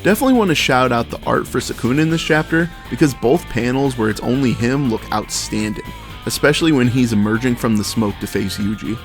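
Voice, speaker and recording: A man's voice: medium pitch, fairly quick, faint music behind. A man hosting a scripted video review as commentary, speaking in an enthusiastic, slangy fan manner. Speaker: YouTube reviewer, host.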